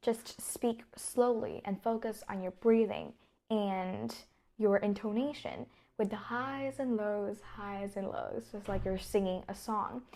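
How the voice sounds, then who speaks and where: A woman's voice: medium pitch, warm tone. A young woman from Vietnam with a Vietnamese accent, a native Vietnamese speaker, explaining English pronunciation in a lesson and stressing key words as she demonstrates. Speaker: English teacher.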